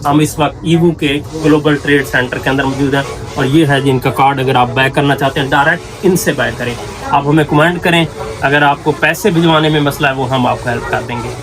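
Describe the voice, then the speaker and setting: A young man vlogging casually from inside an indoor trade center, pitching gadgets with eager, salesman-like enthusiasm. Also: fairly even intonation, brisk. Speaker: travel vlogger. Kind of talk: casual promotional walkthrough.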